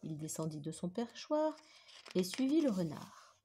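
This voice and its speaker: Animated woman reading a kids' story. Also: lowish voice, measured pace, slight background noise. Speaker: teacher reading aloud. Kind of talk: children's story read-aloud.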